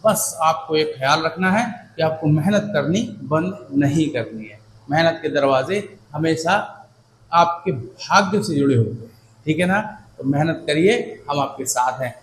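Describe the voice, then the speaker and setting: A high-pitched male teacher gives an exam-prep English lesson in Hindi, recorded in an echoey room with a faint hum behind him. Warm and encouraging, he addresses the students as children and "beta," keeps asking "theek hai na," and slows way down to explain English words, phrases, and their meanings.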